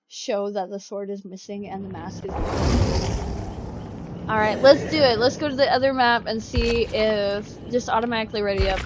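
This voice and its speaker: A woman hosting casual let's-play commentary, excitable and thinking aloud, with a lisp from wearing braces. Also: medium pitch. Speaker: host of a gaming channel. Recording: clearly noisy background hum.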